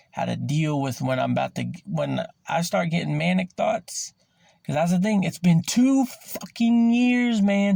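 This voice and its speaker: A man talks on his podcast in a raspy, gravelly voice pitched a little high. He is blunt and profane and slows down to stretch the words he wants to stress. The sound is dry and close, with no room echo. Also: darkish tone. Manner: raw, emphatic, swears freely. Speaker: podcast host. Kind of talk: candid personal monologue.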